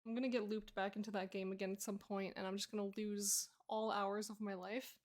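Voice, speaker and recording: A woman's voice: mid-range voice, little pitch movement, fairly quick. A woman art streamer chatting casually and playfully while she draws, joking and laughing with her viewers. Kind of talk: casual chat while drawing.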